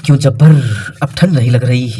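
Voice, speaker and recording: A man's voice: medium pitch, fairly even intonation, a little fast, dark tone, soft background music, lightly acted. A man voicing a poor, weary and stubborn peasant farmer, speaking in raised, coaxing calls in a storybook reading. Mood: playful.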